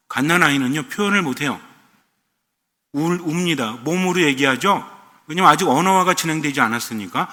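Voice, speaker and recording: Bright-voiced Korean priest preaching in a hall. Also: male voice, on the high side. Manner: rhetorical questions answered himself. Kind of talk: sermon.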